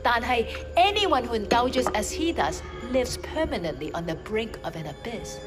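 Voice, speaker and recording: A middle-aged woman who runs a crime family in a video game, cold and scheming. She speaks slowly and deliberately, with theatrical villain menace. Music plays clearly behind her. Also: a little high, very animated. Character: cold, scheming older woman crime boss in a red suit. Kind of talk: video game cutscene acting. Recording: music under dialogue.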